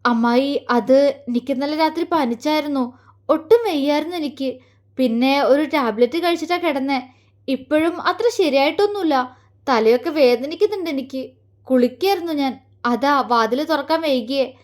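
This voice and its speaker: A woman voicing a gentle young heroine who speaks softly and haltingly, close to tears, in an audio story. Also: high-pitched, natural voice. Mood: meek. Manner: soft, hesitant, halting.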